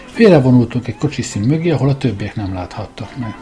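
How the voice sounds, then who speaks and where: A man giving a measured, scripted first-person narration of a story as an audiobook reader. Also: mid-range voice, expressive, warm tone, faint music behind.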